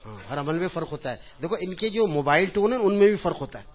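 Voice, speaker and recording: A man's voice: sits high, animated. A man giving an informal religious talk in a mosque, telling humorous anecdotes in a chatty way and chuckling at his own jokes. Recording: dull lo-fi recording.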